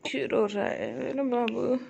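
A woman's voice: fairly high pitch, fairly even intonation, moderate pace, creaky, highs cut off, background noise. A young woman vlogging at home, chatting to camera and cooing baby talk to her infant. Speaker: vlogger, mother. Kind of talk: casual home vlog.

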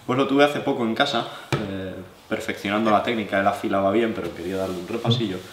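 Young Spanish man with a lowish voice, relaxed hands-on sharpening tutorial, faint background hum. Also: fast talker, roomy sound. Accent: Spanish from Spain. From La Mancha, Spain. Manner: relaxed, explanatory, chatty asides. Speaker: knife sharpening instructor. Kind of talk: hands-on tutorial, addressing viewers. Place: living room, seated at wooden table.

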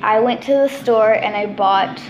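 A woman's voice: mid-range voice, a little slow, a little hiss or hum, poor audio. A woman vlogger chatting playfully through a family accent game, laughing often. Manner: giggly, playful. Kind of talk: casual family game chat.

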